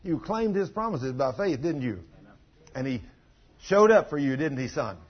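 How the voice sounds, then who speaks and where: An older man preaching a sermon in a church, telling folksy stories and surging loud for emphasis, in a husky voice. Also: on the high side, big pitch swings, normal speed. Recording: dull lo-fi recording.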